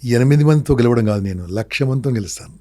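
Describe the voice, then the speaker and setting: A man's voice: medium pitch, animated, fast talker, warm tone. A man, a public speaking trainer, talking emphatically in an interview and firing off rhetorical questions and lists. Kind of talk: motivational interview talk.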